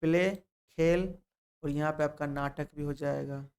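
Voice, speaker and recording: A man's voice: on the high side, fairly even intonation, a little slow, darkish tone, clear, resonant tone. A man teaches English word meanings, repeating each word and spelling it out letter by letter. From Bihar, India. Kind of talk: vocabulary lesson.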